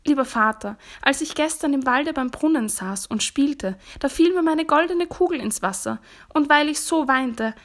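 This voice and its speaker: A woman voicing a spoiled young princess from a fairy tale, speaking in a high, plaintive voice. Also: a bit bright.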